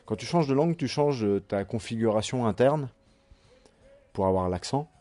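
A man's voice: medium pitch, lively intonation, normal speed, mellow, no room sound. A man who plays trombone explains his craft thoughtfully in a documentary interview.

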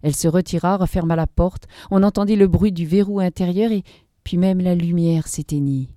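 A woman narrating a dark story in a measured, dramatic reading. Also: fairly low pitch, no room sound, studio quality.

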